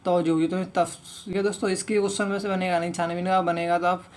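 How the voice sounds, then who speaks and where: A young man teaching an online Hindi exam-prep lesson, reading word lists slowly and often saying "okay, friends". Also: high voice, level tone. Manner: reads word lists slowly, one word at a time.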